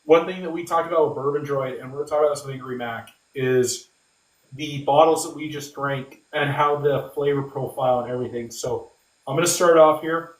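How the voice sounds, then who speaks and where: A man who hosts a podcast leads a casual livestream giveaway, emphatic and repetitive, calling everyone "guys." His voice is mid-range with fairly even intonation, and he speaks fairly quickly. An echoey room and a far-off microphone shape the sound.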